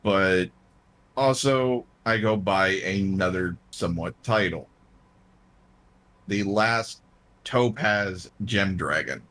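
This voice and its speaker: A man playing a male gem dragon character in a tabletop role-play, in an earnest, hesitant, calm way. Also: sits low, slow pace, pauses often.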